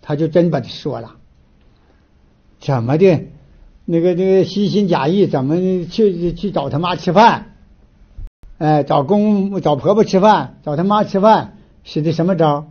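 A man from Northeast China with a Northeastern Mandarin accent, giving a folksy moral lecture in an animated storytelling way, often restarting with fillers. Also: fairly high pitch, a little slow, pauses often, husky. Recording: dull lo-fi recording.

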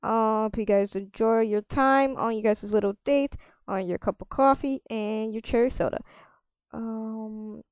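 A woman role-playing a cafe server in a game, chatting with customers and thinking out loud with lots of ums. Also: on the high side, a little slow, clean tone, no room sound. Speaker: player running a cafe. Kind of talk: casual game role-play.

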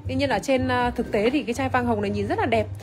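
Faint music plays behind a woman whose slightly high, darkish voice moves quickly as she presents wine. It's a casual livestream product demo filmed on an iPhone, full of fillers and name-by-name greetings to viewers.

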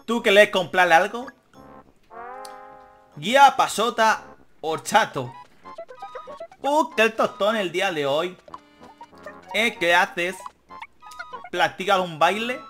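A young man talks over a video game as he plays. His voice sits high and comes across bright and forward, full of jokes and casual swearing. Faint game music plays underneath. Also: lively intonation, slow pace, pauses often. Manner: joking, swears casually, reads game text aloud. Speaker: gaming YouTuber. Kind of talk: let's play commentary.

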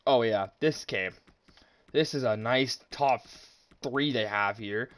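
Young male gaming commentator, excitable and profane, close dry mic. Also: mid-range voice, slow pace, no room sound. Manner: excited, swears, talks to viewers as "boys". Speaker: gaming YouTuber. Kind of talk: casual game commentary.

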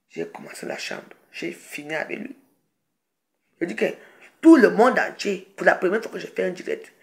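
A woman telling a rambling, animated story on a casual live video, full of restarts and asides. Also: on the low side, gravelly. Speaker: social media personality.

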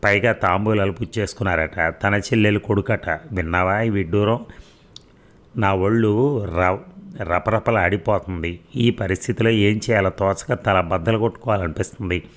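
Man reading as a hurt angry mom, bitter complaints, deep low voice. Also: normal speed, close to an everyday voice. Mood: indignant. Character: wounded, indignant mother, middle-aged.

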